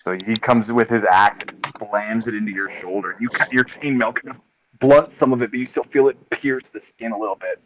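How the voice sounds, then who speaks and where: A man with a fairly low voice narrates a tabletop fight as game master, lingering on gory blows and dice results. He talks in a measured, descriptive way and fills pauses with ums. A faint hiss sits under the voice. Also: fairly even intonation. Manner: vivid, unhurried combat description with frequent ums.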